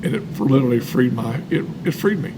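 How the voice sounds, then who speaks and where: Reading from a recovery book as co-host, this American man adds his own testimony, emphatic and repeating phrases for weight. He speaks briskly and expressively at medium pitch against a noisy background.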